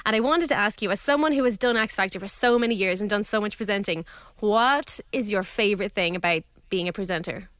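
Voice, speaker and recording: A woman's voice: mid-range voice, a little fast, fairly bright tone, no echo, clean studio sound. A woman presenting and interviewing as the host of a book show for children.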